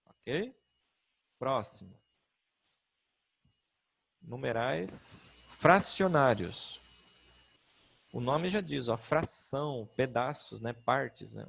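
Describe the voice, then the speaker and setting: Gravelly-voiced Brazilian teacher explaining grammar. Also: male voice, mid-range voice. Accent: Brazilian Portuguese. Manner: patient, checks in with "né?" and "tá?".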